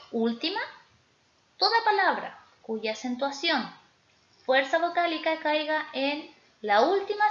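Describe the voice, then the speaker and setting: A woman teacher explaining spelling rules in a recorded lesson, often pausing to check in with her students. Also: high voice, sharp tone. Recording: echoey room, slightly dull sound.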